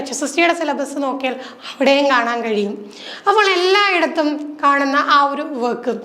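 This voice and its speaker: A woman from Kerala, speaking with a Kerala accent, coaches exam candidates. She explains in chatty Malayalam, asks rhetorical questions and reads the English answers out slowly. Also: high-pitched, fairly bright tone.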